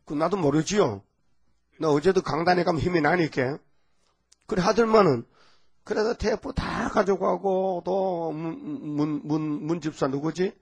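A man's voice: a little high, a little slow, breathy edge. An older man, a pastor with a Gyeongsang Korean accent, preaching a rambling, folksy sermon and often checking in with the congregation. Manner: rambling, folksy, constant call-and-response asides.

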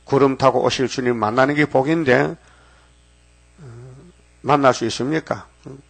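Gravelly older man preaching a sermon. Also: mid-range voice, steady tone, moderate pace. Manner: emphatic, folksy, with rhetorical asides.

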